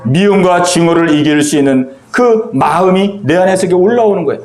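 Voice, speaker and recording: Korean pastor preaching in an echoey sanctuary. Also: male voice, high-pitched, fairly quick, a little mellow, faint music behind. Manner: earnest, repeats key phrases, acts out his own inner voice. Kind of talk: sermon. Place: church sanctuary. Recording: echoey church room.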